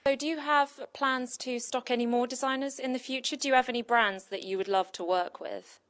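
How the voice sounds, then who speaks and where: A woman interviews two shop founders for a TV channel. She moves briskly from one prepared question to the next. Her voice sits a little high for a woman. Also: fairly even intonation, fairly bright tone.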